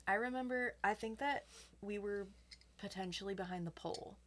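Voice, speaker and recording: A young woman in casual podcast chat with her co-host, telling stories in an animated way and laughing often. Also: medium pitch, moderate pace.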